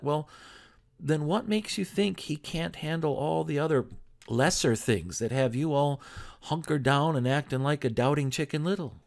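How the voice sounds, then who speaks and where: A man's voice: fairly high pitch, vocal fry. A man pastor giving a sermon in a conversational preaching style, full of rhetorical questions.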